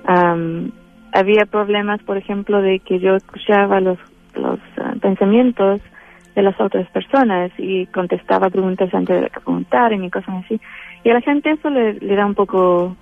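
Over a tinny phone line, a Chilean guest in a spiritual interview talks at normal speed in a creaky, medium-pitched voice with a Chilean Spanish accent. Her speech is hesitant, with many fillers and false starts. There's no room sound, just faint background music.

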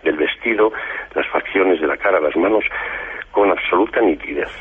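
A man, a guest author on a radio talk show, recounting events slowly with frequent hesitations, speaking. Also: deep voice, slightly rough. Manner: slow, measured recounting with hesitations. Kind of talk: radio interview, storytelling. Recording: lo-fi phone-like radio line.

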